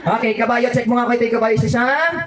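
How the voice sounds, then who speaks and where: At a children's birthday party, a man in clown costume runs guessing games very fast in a very high, steady-toned voice, teasing playfully in a blend of English and Filipino. Background noise fills the echoey room, and the mic sits far off.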